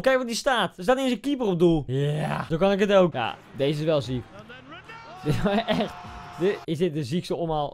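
Excitable young man reacting to goals. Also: fairly high pitch. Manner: excitable, swings between loud outbursts and muttering. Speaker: YouTuber reacting to football goals. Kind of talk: casual reaction commentary.

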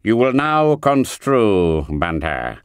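A man's voice: fairly low pitch, very animated, slow, clean tone, dry recording, clean studio sound. A man voicing a stern, wrathful schoolmaster who speaks in clipped, biting phrases. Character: stern older male form master, wrathful.

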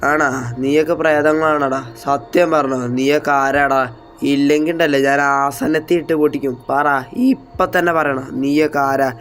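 A man role-playing a gangster in a game, talking to his viewers loudly, dramatically and in a panicky, bossy way. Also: fairly high pitch, flat delivery, moderate pace. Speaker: gameplay streamer.

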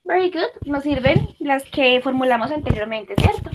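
A woman's voice: high voice, expressive, moderate pace, rough recording. A woman teacher leading a class, patiently repeating and praising student answers.

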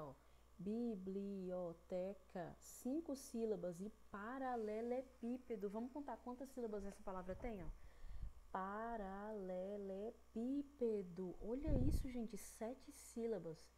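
Patient Brazilian teacher, mellow voice. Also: female voice, medium pitch, slight background noise, poor audio. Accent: Brazilian Portuguese. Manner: patient, drawn-out syllables, frequent "né?" and "certo?" checks. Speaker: primary school teacher. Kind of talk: online grammar lesson.

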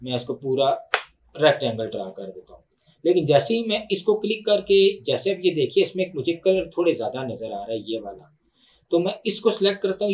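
Man with a Pakistani Urdu accent, teaching. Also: fairly high pitch. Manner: unhurried, thinking aloud with many fillers and restarts. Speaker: software tutorial instructor. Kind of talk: screen-recorded tutorial explanation.

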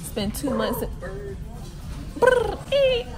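Over loud music, a high-pitched woman with wildly swooping pitch and drawn-out words chats casually to her phone camera at arm's length. She is a beauty vlogger in her twenties who laughs a lot, filming in her living room and at a nail salon.

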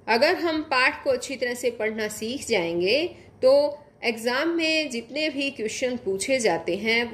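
Woman, teacher, online class for young kids, patient, high voice, slow pace. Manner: patient, explaining and asking children questions.

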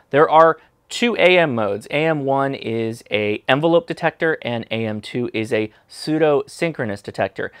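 An American man in his thirties, host of a ham radio review channel, enthusiastically and emphatically reviews a product to camera in a casual style from a small indoor workshop room. He wears a lapel mic, and the dry recording captures his mid-range voice.

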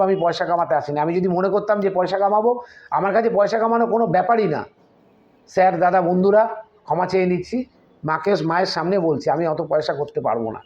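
A man, a tantric practitioner, gives spiritual advice in a forceful, warning tone and slowly chants Sanskrit mantras. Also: sits high, muffled recording.

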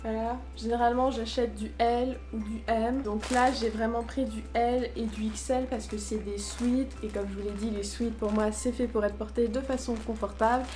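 A woman's voice: on the high side, fairly even intonation, normal speed, hardly any pauses, warm tone, soft background music. A woman chatting frankly through a casual unboxing review of cheap clothes. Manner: chatty, frank, mocking asides.

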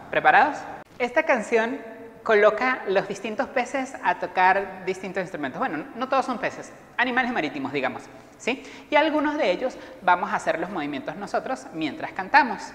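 Energetic woman music teacher, echoey room. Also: mid-range voice, brisk. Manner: lively, encouraging, leads children in rhythmic sound imitations. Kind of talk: online music class for young children. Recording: echoey room with long reverb.

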